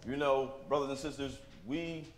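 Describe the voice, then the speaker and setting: In an echoey church sanctuary, a man of medium pitch delivers a sermon at a moderate pace, with a little hiss or hum in the audio. His talk is plain-spoken and grammatically informal, and he checks in with the congregation by asking "right?" after each point.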